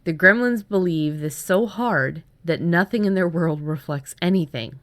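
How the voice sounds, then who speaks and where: A woman co-hosting a writing workshop chats casually about her story ideas. She is a writer, and her voice sits at a fairly low pitch with an unhurried pace.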